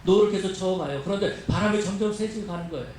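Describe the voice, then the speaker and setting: A male pastor delivers a sermon and slips into the voices of the people in his stories. His voice sits high for a man. The recording is taken from a distance in a very echoey sanctuary, with faint noise underneath. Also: quick pace, a little mellow. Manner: storytelling preacher, acts out prayers and quotes with rising emotion. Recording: echoey church hall from far off, faint noise.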